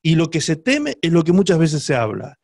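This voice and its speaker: A man's voice: fairly high pitch, big pitch swings, moderate pace, darkish tone, dry recording, studio quality. A male pastor preaching a sermon, emphatic and teaching, often checking in with rhetorical questions to his listeners.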